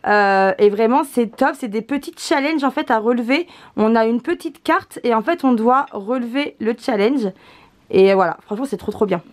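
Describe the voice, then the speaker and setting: A woman's voice: fairly high pitch, moderate pace. A woman hosting a casual family unboxing vlog, talking easily with frequent hesitations and laughs. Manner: relaxed, many hesitation fillers, laughs often. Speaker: vlog host, mother presenting gifts.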